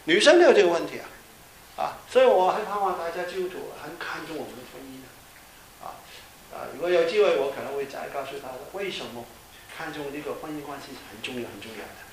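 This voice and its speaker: A middle-aged pastor with a high-ish voice talks quickly through a conversational sermon, often checking in with listeners through tag questions and fillers. It's recorded in an echoey room with faint hiss.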